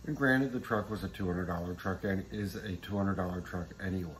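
A man's voice: sits low, a little fast, a bit bright, a little hiss or hum. A man in his forties hosting his own firewood channel, talking plainly to a phone held at arm's length in a small room. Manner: plainspoken, self-admitting, talks about common sense. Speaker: channel host. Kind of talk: casual how-to vlog. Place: small room with wood stove, indoors. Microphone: phone camera at arm's length.

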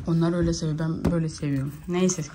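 A woman's voice: deep voice, steady tone, racing. Young mother vlogging casually at home, coos at her child, slight room noise. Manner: sing-song baby talk to a little daughter.

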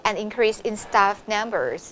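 A woman teaching a test-prep lesson, explaining in Thai and reading English exam lines slowly. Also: medium pitch, animated, a bit bright, slight background noise.

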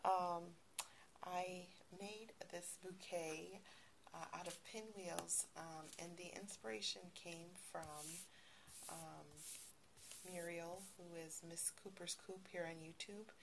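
A woman's voice: lowish voice, fairly even intonation, slow, vocal fry. Middle-aged woman on phone video. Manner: rambling, with many ums and restarts. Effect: recorded on a handheld phone. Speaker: crafting vlogger. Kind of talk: casual show-and-tell. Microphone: handheld phone. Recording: phone video with faint background hiss.

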